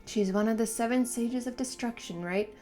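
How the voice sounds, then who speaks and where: A woman's voice: a little high, moderate pace, mellow, faint music behind, voice pushed up, close to an everyday voice. Woman reading as a stern, dry elf mage.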